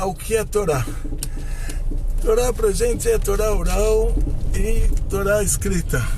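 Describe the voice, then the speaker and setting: A Brazilian rabbi with a Brazilian Portuguese accent, talking casually and patiently from inside a car. His voice sits unusually high for a man, and a faint hum of vehicle noise runs underneath. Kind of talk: casual explanatory talk.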